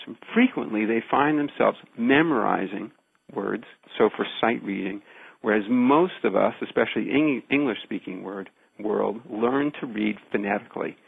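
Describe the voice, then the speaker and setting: A man gives careful, emphatic explanations as a radio interview guest. His mid-pitched voice is gravelly and husky, and it comes through a narrow, phone-like line. He stacks short phrases to drive each point home. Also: no echo. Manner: deliberate, emphatic, builds points in repeated phrases. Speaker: research scientist, interview guest.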